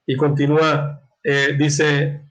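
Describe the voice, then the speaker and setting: A man leads a Bible lesson in a fairly high voice. He talks in a halting way, repeating words and often clearing his throat. He checks in with his students as he explains. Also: steady tone, rough recording. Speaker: catechism teacher. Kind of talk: Bible class lecture, reading and explaining.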